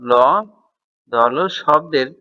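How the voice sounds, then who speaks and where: A man's voice: medium pitch, extremely slow, pushed and bright, clean tone, highs cut off. A man teaching a school grammar lesson, explaining step by step and answering his own questions.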